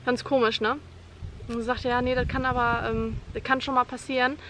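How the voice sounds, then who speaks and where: A young woman with a high voice tells a personal story to her camera at home. She retells it vividly and dramatically. Clear background noise runs under her voice. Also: little pitch movement, fairly quick, fairly bright tone. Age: young adult. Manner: vivid, dramatic retelling, acting out her own screams and quoting others. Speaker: vlogger.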